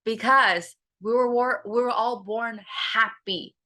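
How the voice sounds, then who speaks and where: Bright-voiced woman, earnest coach. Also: on the high side, slow. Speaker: host, life coach. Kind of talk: motivational self-help talk.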